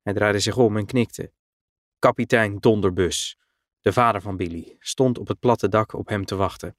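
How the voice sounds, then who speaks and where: A man's voice: fairly low pitch, normal speed, dry recording, clean studio sound. Man reading a children's story aloud. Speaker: narrator.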